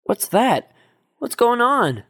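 A woman's voice: fairly high pitch, sing-song, slow pace, fairly bright tone, dry recording, studio quality, full character voice. A woman voicing the eldest pea brother, restless and eager to see the world. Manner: impatient, bold.

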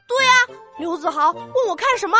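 A woman's voice: extremely high pitch, lively intonation, brisk. A woman voicing a cheeky, bookish young schoolboy in a cartoon, whiny when protesting and playful when teasing, over children's music. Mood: explaining. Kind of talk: cartoon voice acting.

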